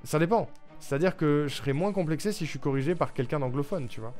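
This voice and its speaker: A man's voice: a little high, fast talker, darkish tone. A man from France chatting casually with viewers on a live stream, talking in a loose, hesitant way with lots of fillers and restarts. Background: background music.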